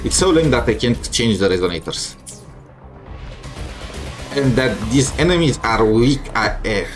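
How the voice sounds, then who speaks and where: A man with a medium-pitched, expressive voice streams a video game playthrough at a measured pace, thinking aloud with casual, mildly grumbling commentary. Game music plays behind him.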